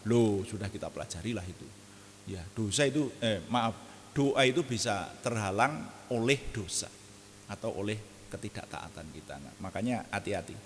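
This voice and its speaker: A man preaching an evening prayer sermon, animated and jokey, often laughing at his own asides. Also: on the low side, normal speed, big-room sound, a little hiss or hum.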